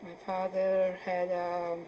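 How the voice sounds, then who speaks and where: A woman in her seventies from Poland, answering questions in an oral history interview and often pausing to search for words. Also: lowish voice, completely flat delivery, highs cut off, slight background noise. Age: 70s. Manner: hesitant, searching for words with many fillers.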